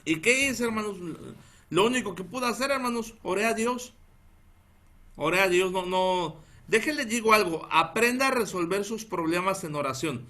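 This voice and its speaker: A pastor in his thirties with a northern Mexican accent, preaching in an animated storytelling way and calling out to the brethren again and again. His voice is bright and forceful and sits a little high for a man. He chuckles at his own story. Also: moderate pace. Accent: northern Mexican Spanish. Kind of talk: storytelling sermon to a congregation.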